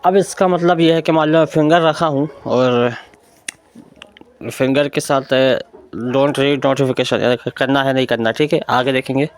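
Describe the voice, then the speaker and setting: A man's voice: fairly high pitch, steady tone, normal speed. A man giving an informal spoken tech tutorial, explaining step by step and often checking in with the listener. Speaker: tutorial presenter.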